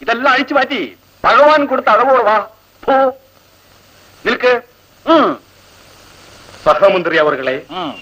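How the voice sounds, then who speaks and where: A taunting, bossy college senior. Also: male voice, very high voice, sing-song, unhurried, pauses often, sharp tone, highs cut off, full character voice. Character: mocking male college senior ragging newcomers. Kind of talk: 1980s film dialogue.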